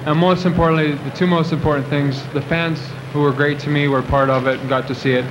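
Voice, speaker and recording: A young man in his twenties answers reporters after a game. His voice sits slightly high, and he rambles through fillers and restarts. The old video recording carries a clear hiss. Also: flat delivery, fast talker, dull audio. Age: 20s. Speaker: athlete at a post-game press conference. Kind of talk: post-game press conference answers. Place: press conference room. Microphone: table microphones at the podium.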